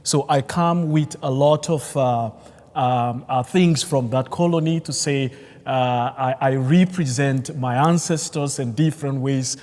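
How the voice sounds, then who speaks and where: A man from Nigeria, an Anglican priest, speaking as a seminar panelist in a measured, hesitant way with many fillers. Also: medium pitch, darkish tone. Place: large church hall. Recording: long hall reverb, mic at a distance.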